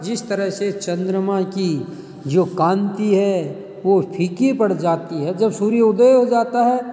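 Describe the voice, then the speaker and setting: A man teaching a classical play, reading each line and then explaining it plainly, sometimes chanting verse in a slow sing-song. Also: sits high, warm tone. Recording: echoey room with long reverb.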